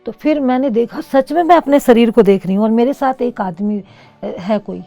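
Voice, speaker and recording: A woman's voice: on the high side, normal speed, dark tone, dry recording, soft background music. A middle-aged woman telling her own story as an interview guest, earnest and reflective. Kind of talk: personal testimony.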